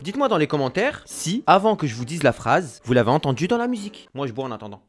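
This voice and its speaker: A man's voice: fairly high pitch, big pitch swings, fast talker. A man doing casual, crude, joking reaction commentary for viewers. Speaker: youtuber. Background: music clips playing.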